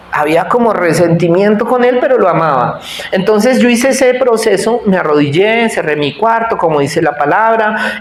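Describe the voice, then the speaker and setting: A man's voice: high-pitched, slight background noise. A man in his forties, a pastor preaching a sermon in a conversational, joking way and asking the congregation to answer him. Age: 40s. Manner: conversational, self-deprecating, asks the congregation to answer. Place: church hall. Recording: echoey church hall.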